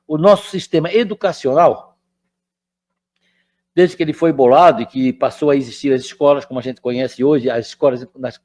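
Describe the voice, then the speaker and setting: An older man lectures at a spiritist center in a relaxed, conversational way. His voice sits noticeably high, and he keeps turning to the audience to check that they are following.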